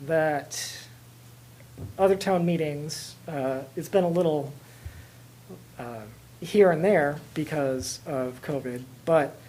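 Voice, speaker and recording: An American woman, a board trustee, formally putting questions at a public meeting in a measured, deliberate way with pauses. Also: sits low, dark tone, a little hiss or hum, rough recording.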